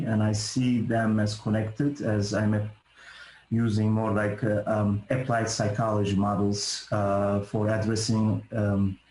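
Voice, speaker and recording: A man's voice: lowish voice, a little mellow, roomy sound, slight background noise, rough recording. A middle-aged man from Turkey with a Turkish accent, a professor answering interview questions in a hesitant, reflective way with many fillers and restarts. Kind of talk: thoughtful academic interview answers.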